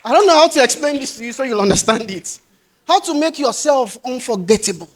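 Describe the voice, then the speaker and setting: A middle-aged man giving a passionate motivational speech to young people, swinging between loud urging and quiet pleading. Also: extremely high pitch, animated, a little fast. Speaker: motivational speaker.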